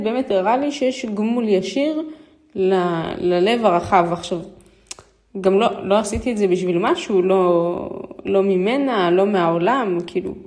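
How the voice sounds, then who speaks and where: A woman's voice: mid-range voice, dark tone. A woman with an Israeli accent, telling personal stories and appealing to listeners in an informal, hesitant way, repeating phrases for emphasis. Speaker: vlogger.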